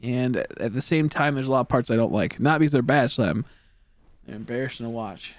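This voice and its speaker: A man's voice: mid-range voice, brisk, no room sound. A teenage boy streaming a game, chatting casually and rambling, often trailing off into mumbles. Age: teens. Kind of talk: casual chat while gaming.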